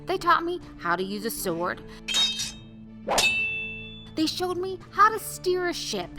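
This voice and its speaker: A woman's voice: extremely high pitch, big pitch swings, slow. A woman narrating a children's adventure story in the first person, cheerful. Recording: with music behind.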